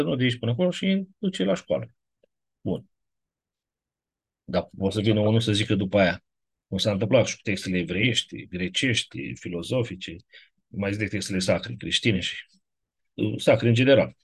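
A man giving a casual classroom lecture, wandering off topic and often checking in with his listeners through quick rhetorical questions. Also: fairly low pitch, breathy edge.

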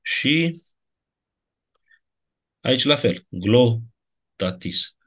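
A man's voice: fairly low pitch, husky. A man teaching a lecture class, explaining grammar step by step and checking in with his students.

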